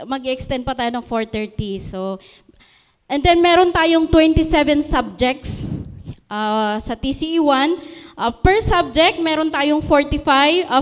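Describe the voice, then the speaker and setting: A high-pitched Filipino woman teaches a children's ministry seminar in a relaxed, chatty way. She pauses often on fillers and adds friendly asides. Her voice carries a long echo around the church hall. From Philippines. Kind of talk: seminar teaching, mixing English and Tagalog. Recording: echoey hall.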